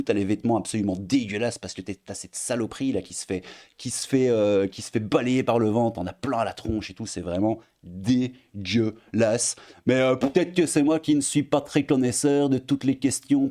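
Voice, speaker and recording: A young Belgian streamer with a Belgian French accent rants casually at his audience, mocking and crude, his speech packed with fillers. His voice is lowish and dark-toned, picked up by a desk mic at his editing setup.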